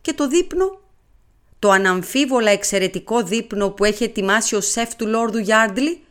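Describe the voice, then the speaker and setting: A woman voicing a fastidious, vain Belgian male detective who slips French words into his talk in an audiobook. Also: on the high side, close to an everyday voice. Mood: fussy. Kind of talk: audiobook character reading.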